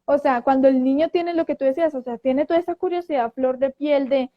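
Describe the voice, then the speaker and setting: A woman telling a story in casual talk, animated and acting out quoted voices, with frequent restarts. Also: high voice, quick pace. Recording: dull lo-fi audio.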